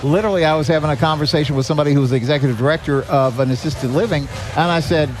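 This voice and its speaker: Rapid-fire and fairly high in pitch, an older American man tells anecdotes and acts out dialogue with earnest, conversational warmth. He's a podcast guest who runs a senior help organization, recorded live at a restaurant with music behind the talk.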